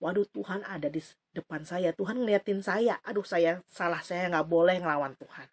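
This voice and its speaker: A woman voicing a quick-tempered man in a children's Bible story, who scolds his donkey and then begs forgiveness. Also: sits high, lively intonation, pushed and bright, heavily acted. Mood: dismayed.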